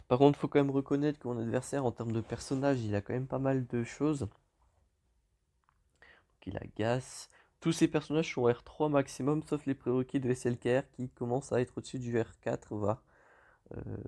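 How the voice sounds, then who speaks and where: A man's voice: medium pitch, moderate pace. A man with a French accent giving casual, hesitant commentary on his game, correcting himself as he goes. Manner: relaxed, lots of hesitations and self-corrections. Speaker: gaming YouTuber.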